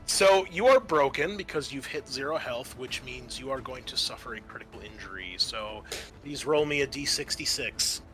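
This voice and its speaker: A man serving as game master explains the rules and narrates a tabletop roleplaying game in a matter-of-fact, conversational way, with background music. His voice is medium-pitched at normal speed, and the recording is rough.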